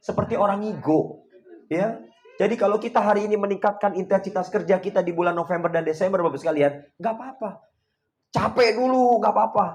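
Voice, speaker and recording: A middle-aged man giving a motivational seminar talk, animated, swinging between loud and hushed, often chuckling. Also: high-pitched, a little fast. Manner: chuckles often while telling stories. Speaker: motivational coach.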